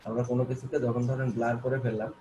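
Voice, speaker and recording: A man gives a screen-recorded software tutorial at a quick clip, repeating and restarting as he points things out. His voice sits at a middling pitch. A clear hiss of noise runs under the recording from a desk mic. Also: flat delivery, dull audio. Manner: repetitive, coaxing, many fillers and restarts. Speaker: graphic design instructor.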